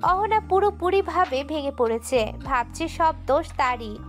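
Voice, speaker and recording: A woman with a high voice narrates a romantic audio story, reading in an emotive and steady way. Faint background music plays under her narration. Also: measured pace.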